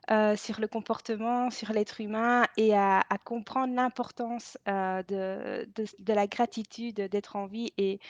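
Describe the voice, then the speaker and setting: Her fairly high voice is a little mellow, and the recording is dry. She's a Belgian laughter yoga host on a casual live stream, hesitant, full of fillers and restarts, and often laughing, heard through an added microphone as dull lo-fi audio.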